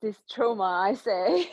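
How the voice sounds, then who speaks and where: Woman, from Hungary, 30s, interview guest, thoughtful, pausing, soft laughs, dull lo-fi sound. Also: on the high side, sing-song, husky, no echo. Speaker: guest, nutritional therapist. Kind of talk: conversational interview.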